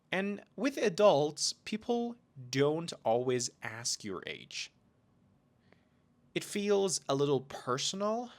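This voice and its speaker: A man's voice: mid-range voice, a bit bright. A man hosting an English-learning podcast, reading a scripted lesson and carefully drawing out example phrases. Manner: slow, careful delivery with drawn-out example phrases. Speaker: English teacher, podcast host.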